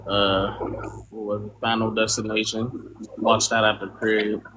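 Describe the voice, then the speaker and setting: A man's voice: lowish voice, completely flat delivery, a little slow, bright, forceful tone, slight background noise, poor audio. Male podcast co-host, easygoing rambler who keeps checking in with his partner. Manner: rambling slangy talk, frequent fillers and tag questions. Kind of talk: casual podcast chat.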